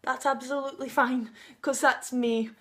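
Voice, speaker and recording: This thirties-aged vlogger has a high-pitched voice with fairly even intonation and a moderate pace. Out in the sunshine, she speaks unscripted and with feeling, sometimes laughing, while her stutter catches on the opening sounds of words.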